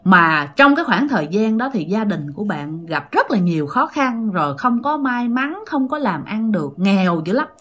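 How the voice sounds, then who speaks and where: A woman tells a ghost story casually and chattily, often speaking straight to her listeners. Her medium-pitched, fairly bright voice swings widely in pitch, moving at normal speed with few pauses.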